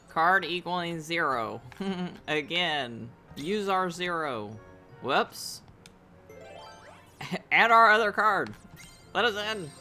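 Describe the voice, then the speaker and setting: A man's voice: a little high, sharp tone. A man giving casual gameplay commentary, chatty and talking to viewers, laughing often. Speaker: let's play host.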